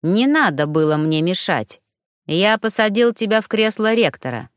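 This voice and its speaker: A woman's voice: medium pitch, animated, moderate pace, no echo, studio quality, lightly acted. A woman reading the part of a scheming male sorcerer villain, drawling and coldly mocking.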